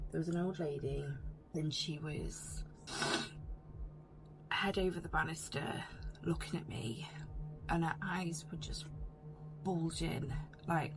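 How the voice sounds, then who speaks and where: A woman's voice: lowish voice, steady tone, low-quality recording. Shaken British woman over music. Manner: shaken, halting, repeating herself. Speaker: paranormal investigator. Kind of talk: casual first-hand account to camera.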